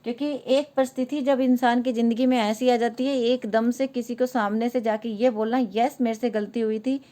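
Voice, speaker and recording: A woman's voice: a little high, steady tone, moderate pace, dark tone. A woman giving an earnest, emphatic tarot reading to her viewers, mixing English card phrases into her talk. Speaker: tarot reader.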